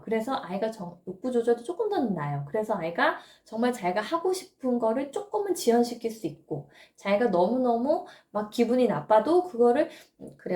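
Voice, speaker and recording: A woman's voice: on the high side, a little mellow, reverberant. A woman giving a parenting lesson, explaining patiently and often asking rhetorical questions. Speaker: parenting educator.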